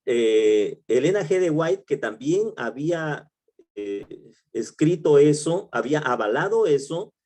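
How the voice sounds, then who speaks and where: A middle-aged Peruvian pastor with a Peruvian Spanish accent leads a conversational Bible study, full of fillers, restarts and tag questions. His somewhat high, darkish voice swings widely in pitch, and he speaks unhurriedly.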